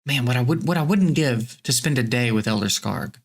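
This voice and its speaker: A man's voice: medium pitch, lively intonation, a little fast, gravelly. Guy hosting a comedy tweet-reading bit, kinda bemused, voice jumps all over. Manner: bemused, stammering restarts. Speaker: comedy show host.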